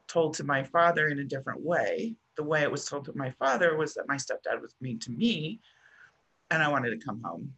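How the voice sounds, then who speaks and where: A middle-aged American woman telling a personal story as a podcast guest, halting and restarting often with soft trailing pauses. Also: extremely low pitch, breathy edge. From United States.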